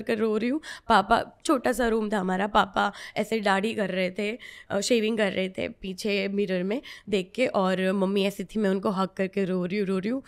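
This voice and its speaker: A woman from Gujarat, a web series actress, earnestly telling a personal story in a podcast interview and mixing in English phrases. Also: medium pitch.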